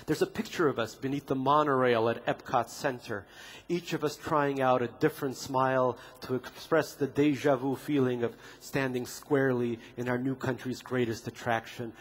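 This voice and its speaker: A man with a medium-pitched, breathy-edged voice reads from his memoir to a literature festival audience, keeping his intonation fairly even at a moderate pace. His wry, deadpan delivery relies on comic timing. Audio quality is poor.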